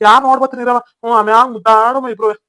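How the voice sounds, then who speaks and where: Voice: medium pitch, flat delivery, racing, pushed and bright, no room sound, close to an everyday voice. A performer with a North Karnataka Kannada accent voicing a smug, swaggering cheating husband in a cartoon comedy. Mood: scornful. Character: smug cheating husband, rich village man.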